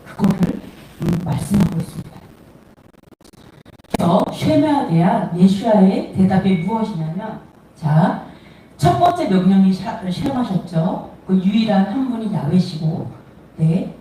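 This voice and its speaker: A woman's voice: medium pitch, lively intonation, unhurried, dark tone. A woman preaching a sermon, talking animatedly with laughs and acting out quoted dialogue. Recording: echoey room, voice from a distance, faint noise.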